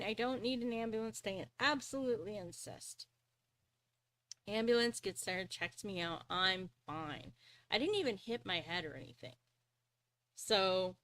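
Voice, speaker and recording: A woman's voice: medium pitch, fairly bright tone, no room sound. A woman hosting a live stream, earnestly telling a personal story, often chuckling and restarting her sentences.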